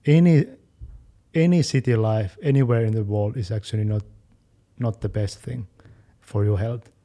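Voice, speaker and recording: Mellow low-voiced young man chatting. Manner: quick, loose, leans on fillers like "like". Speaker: fitness channel co-host. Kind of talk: casual chat.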